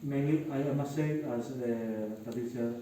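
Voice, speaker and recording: Echoey distant Spanish-accented man, halting. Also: mid-range voice, fairly even intonation, warm tone, a little hiss or hum. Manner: halting, many fillers and restarts. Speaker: lawyer. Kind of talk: panel discussion remarks. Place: university classroom. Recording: echoey classroom, distant mic.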